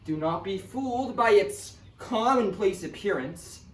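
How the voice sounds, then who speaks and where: A woman's voice: mid-range voice, lively intonation, lightly acted. A woman playing an eager, wheedling male merchant and storyteller in an amateur theatrical monologue. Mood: mysterious storytelling. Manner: theatrical, salesman-like, dramatic pauses and exclamations. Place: outdoors. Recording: roomy, distant mic, noisy outdoor ambience.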